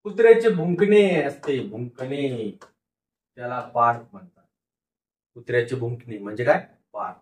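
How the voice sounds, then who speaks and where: A man's voice: medium pitch, moderate pace. A man teaching a phonics lesson, sounding out words syllable by syllable, repeating them and answering his own questions. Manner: asks the class questions and answers them himself. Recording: roomy echo, mic far off.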